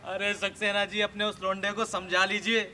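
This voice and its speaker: A man's voice: high voice, flat delivery, normal speed, pushed and bright, slight background noise. A man playing a fussy male neighbor who brings complaints and patiently repeats himself at length. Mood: complaining.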